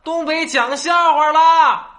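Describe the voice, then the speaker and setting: Man doing a shrill street barker. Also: slow. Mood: rousing. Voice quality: shouted, sing-song calls. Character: loud male street barker drumming up a crowd. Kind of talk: hawker-style show opener.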